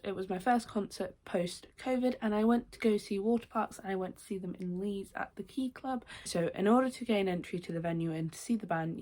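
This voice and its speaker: A young woman, vlogging in casual chat, her voice slightly croaky and nasal from a cold, rambling with many restarts. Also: lowish voice, a little mellow. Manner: rambling, with many fillers and self-corrections. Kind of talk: casual chatty vlog talk.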